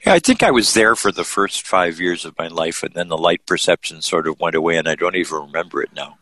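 A man with a fairly low voice hosts a radio interview. His phrasing is deliberate and halting, often repeating a word as he frames a thought. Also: lively intonation, bright, forceful tone, no room sound. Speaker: radio show host, interviewer.

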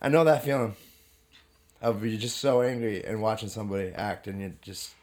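A man co-hosting a casual chat, swearing freely and giving mock-heroic pep talks with loud outbursts. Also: fairly low pitch, fairly quick. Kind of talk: casual banter.

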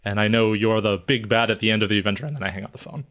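A man's voice: lowish voice, very fast, fairly bright tone. Playful man player at a tabletop game. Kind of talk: casual tabletop game chat.

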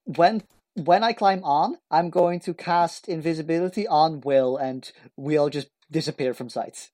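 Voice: medium pitch, unhurried, darkish tone. A player talking casually through moves in a tabletop role-playing game.

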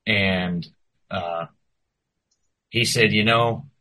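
A man with a bright, forceful voice talks as a podcast guest musician. He rambles and tells stories in a relaxed, chatty way. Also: fairly low pitch, drawn-out words, rough recording. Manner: rambling, animated storytelling. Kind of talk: casual podcast chat.

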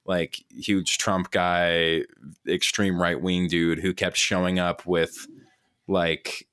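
A very low-voiced man co-hosts a casual podcast. He talks in a loose, laid-back way and keeps saying "dude" and "like". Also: level tone, slow, fairly bright tone, clean tone. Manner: loose, laughing, says dude and like a lot. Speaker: podcast co-host. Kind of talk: casual chat.

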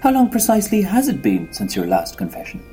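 A man's voice: high voice, huge pitch swings, quick pace, mellow, soft background music. A man voicing a prim, sardonic parish priest in a comedy sketch, patient and mildly scolding. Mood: dry, scolding.

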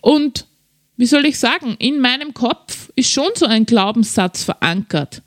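A woman's voice: fairly high pitch, expressive, a little slow, no room sound, clean studio sound. A middle-aged woman telling a confessional personal story as a podcast host, drawing out key words for drama. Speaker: podcast host and keynote speaker.

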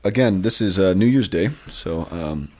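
A young American man with a low-pitched voice hosts a casual podcast. He sounds slightly groggy and rambles along hesitantly, with a joking, informal tone. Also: expressive, moderate pace, a little mellow. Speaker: podcast host, priest.

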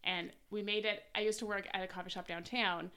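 A woman with a Canadian accent talks very quickly at a middle pitch. She chats informally, in the easy style of a podcast co-host. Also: fairly even intonation, bright, forceful tone, smooth. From British Columbia, Canada. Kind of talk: casual chat.

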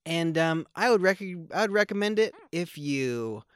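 A man's voice: on the high side, expressive, normal speed, a bit bright, smooth, dry recording, clean studio sound. A man co-hosting a podcast, chatting casually and joking about films while rambling with many fillers and restarts. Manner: joking, wry. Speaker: podcast co-host. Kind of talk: casual conversational film chat.

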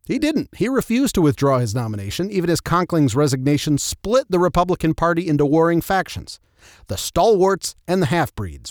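A man's voice: on the high side, darkish tone, dry recording, clean studio sound. A man narrating scripted history in a true crime storyteller's style, with wry, tongue-in-cheek asides. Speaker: narrator and host of a history show.

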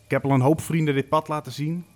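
A man voicing a pale ghostly boy who lives in the walls, speaking in a hushed, coaxing whisper. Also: fairly high pitch, fairly even intonation, fast talker, natural voice. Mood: eerie coaxing.

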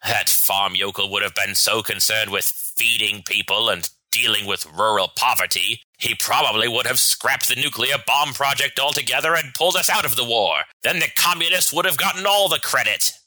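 A man playing a scheming, vain president in a satirical sketch, speaking with slow, pompous, theatrical villain menace. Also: mid-range voice, pushed and bright, no room sound, low-quality recording. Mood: dismissive, scheming. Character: scheming, vain, power-hungry male American president as villain. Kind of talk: scripted satirical sketch acting.

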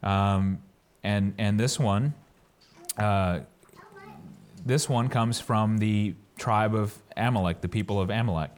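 A man with a low voice teaching from scripture in an unhurried sermon. He reads the verses and then explains them plainly. His delivery is halting, and he often doubles up on words mid-sentence. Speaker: Bible teacher. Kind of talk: Bible study sermon.

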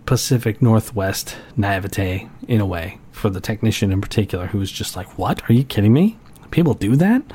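A man's voice: mid-range voice, dark tone. A middle-aged man talking in a casual monologue, candid and blunt, chuckling now and then.

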